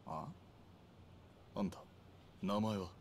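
An actor playing a sardonic young real estate enforcer in a video game, with rough, insolent yakuza-style street speech. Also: male voice, fairly low pitch, little pitch movement, takes it slowly, slight background noise. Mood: suspicious. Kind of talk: video game drama acting.

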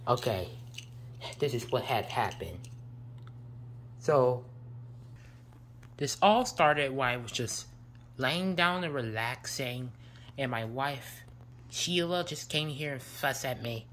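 A woman voicing a tired, put-upon husband who sighs and lectures in a slow, low voice. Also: expressive, a little hiss or hum, heavily acted. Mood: weary. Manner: low, drawn-out, sighing. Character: weary put-upon husband, sighing and preachy.

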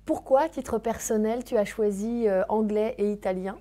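A woman in her thirties hosts a studio interview on a TV set, questioning briskly with frequent filler hesitations. Her voice is mid-range with a dark tone, and she speaks into a handheld mic.

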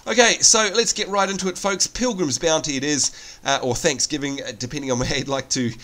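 A man's voice: a little high, a little fast, pushed and bright. An Australian man with hay fever congestion, sounding nasal as if his nose is pinched, chattily explaining things to viewers in casual gameplay commentary. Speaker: let's play video host.

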